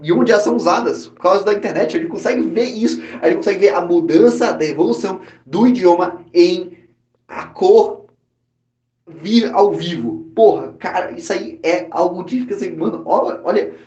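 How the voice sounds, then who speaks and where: Co-hosting a podcast, this Brazilian man speaks with a Brazilian Portuguese accent in casual, slangy chat full of restarts. His voice is high-pitched and warm, at a normal speed. The recording is dull and made in an echoey room.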